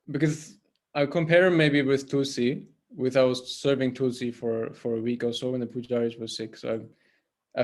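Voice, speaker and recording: A man's voice: medium pitch, a little mellow. A man giving an informal spiritual talk over a video call. He hesitates, repeats words and keeps checking in with "right?". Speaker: temple priest and guest speaker.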